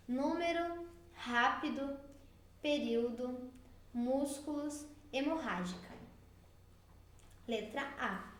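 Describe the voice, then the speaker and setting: A Brazilian woman with a high-pitched voice teaches a recorded remote class for young children, slowly and patiently walking them through worksheet tasks step by step. The sound is reverberant.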